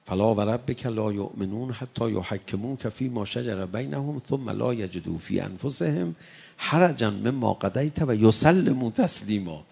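Gravelly low-voiced male preacher. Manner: recites Arabic verses, swings from hushed to impassioned. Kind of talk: sermon.

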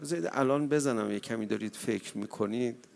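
Gravelly man giving an impassioned mourning recitation. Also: medium pitch. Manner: impassioned, swelling to loud cries. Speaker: eulogy reciter.

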